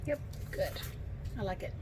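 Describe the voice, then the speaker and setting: Hoarse from allergies, this woman sounds slightly froggy as she chats through a card-making demo at her home craft table. She speaks at a normal speed, thinking aloud and making fun of herself, against a noisy background.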